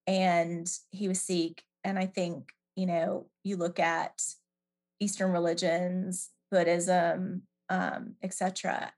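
A woman's voice: on the low side, darkish tone, husky. A middle-aged woman from Canada answering questions in a podcast interview, thoughtful and hesitant with many fillers. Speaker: guest.

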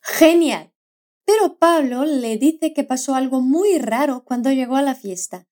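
A woman teaching a language lesson, modelling words slowly and clearly with encouraging prompts to repeat. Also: sits high, darkish tone. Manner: slow, carefully modelled repetitions with encouraging prompts. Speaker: Spanish pronunciation teacher. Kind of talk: scripted language lesson narration.

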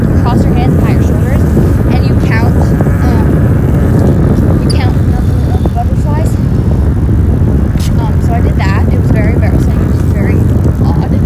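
Teen girl rambling and cutting herself off, outside somewhere busy, traffic roaring in the background. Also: a little high. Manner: rambling, chatty, self-interrupting. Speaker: vlogger. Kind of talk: casual chat. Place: outdoors in a busy public place, on the move. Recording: loud outdoor traffic noise. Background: vehicle and outdoor noise.

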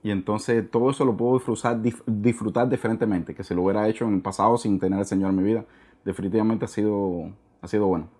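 A middle-aged Cuban man with a Cuban Spanish accent is a guest in a casual interview, speaking earnestly and frequently pausing to find his words. His voice is fairly low and dark, with a steady tone.

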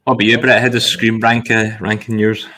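Guy on a movie podcast, lowish voice, easygoing and hesitant. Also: fairly quick. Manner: relaxed, thoughtful, hesitant with fillers. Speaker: podcast host. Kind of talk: casual film discussion.

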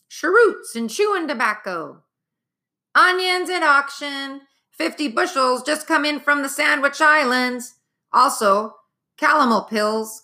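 A woman's voice: sits high, pushed and bright, pitched above the performer's own voice, heavily acted. A woman reading an audiobook voices a brash male street auctioneer calling out his goods in bellowing sales patter.

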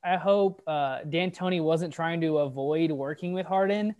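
A man co-hosting a casual sports podcast, asking questions in a relaxed way and trailing off. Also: fairly high pitch, a little slow, smooth, muffled recording. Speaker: podcast co-host.

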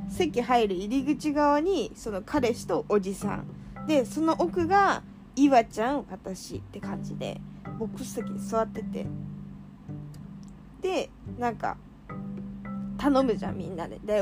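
A woman with a fairly high voice tells a story in casual chat, her pitch leaping up and down. She acts out what others said and laughs often. Music plays behind her. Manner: animated, acts out quoted lines, laughs often. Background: background music.

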